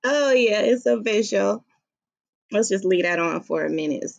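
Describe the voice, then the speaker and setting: A woman's voice: mid-range voice, expressive, a little slow, vocal fry. A woman with a Southern US accent chatting casually and playfully on an informal livestream, recorded through a laptop's built-in microphone. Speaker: livestream host and author. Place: room at home, seated on beanbag. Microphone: laptop's built-in mic, no plugged-in microphone.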